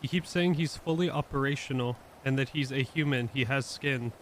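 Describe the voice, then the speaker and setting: A man in game role-play talks quickly at a mid pitch, piling on question after question in disbelief. His delivery is brisk and casual. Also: slight background noise. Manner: rapid, incredulous questioning.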